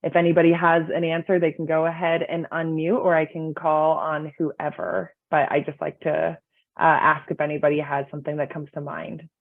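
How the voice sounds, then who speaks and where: This webinar panel host guides speakers one at a time on a video call, coming across as friendly and organized. The voice is medium-pitched with little pitch movement, normal speed, and vocal fry, with no room sound, while the call audio is tinny and phone-like.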